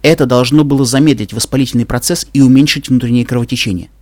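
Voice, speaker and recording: A man's voice: medium pitch, steady tone, quick pace, a little mellow, no room sound. Man reading a story in a dry close voice. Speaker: narrator. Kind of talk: first-person story reading.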